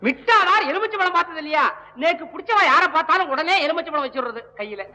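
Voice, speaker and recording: An actor playing a sly, sarcastic male schemer who talks quickly and wheedles, on an old film soundtrack. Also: very high voice, animated, bright, forceful tone, big-room sound, exaggerated voice. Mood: wheedling. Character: sly fast-talking male schemer, mocking.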